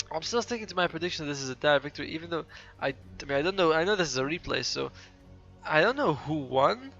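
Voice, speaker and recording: Male caster, slightly high voice with gravelly fry; sleepy, casual solo play-by-play, self-correcting. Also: pushed and bright. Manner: casual, chatty, often corrects himself mid-sentence. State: tired, yawning. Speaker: game commentator. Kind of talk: solo play-by-play commentary of a game replay.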